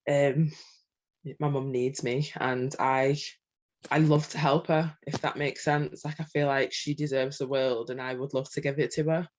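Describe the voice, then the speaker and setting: A woman's voice: a bass voice, level tone, measured pace, darkish tone, a little hiss or hum. Hesitant woman on a lo-fi call. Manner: hesitant, many ums, self-conscious laughs. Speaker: coaching client. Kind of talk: candid conversational talk.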